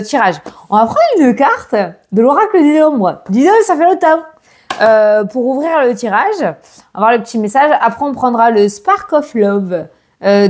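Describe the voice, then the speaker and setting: Chatty woman with a high voice. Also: darkish tone. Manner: chatty, teasing, laughs often, many fillers. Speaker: tarot reader vlogger. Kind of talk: casual chat to camera. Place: indoors at home, grey daylight.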